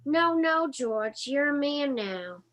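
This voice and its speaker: A woman's voice: high-pitched, animated, takes it slowly, a bit bright, heavily acted. A young woman voicing a flustered mother who scolds her son in a school play reading. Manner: fussing, scolding.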